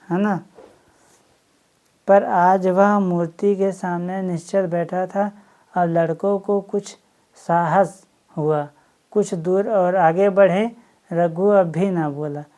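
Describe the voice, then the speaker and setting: A woman reads a story aloud and stops often to explain it. Her voice is low and mellow. She speaks slowly and keeps adding little asides.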